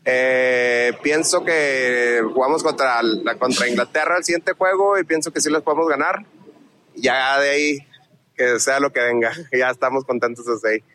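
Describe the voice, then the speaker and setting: Male football fan, bright, cheerful. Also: mid-range voice, normal speed, a little hiss or hum. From Ciudad Juárez, Mexico. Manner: cheerful, upbeat. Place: outdoors on a city street.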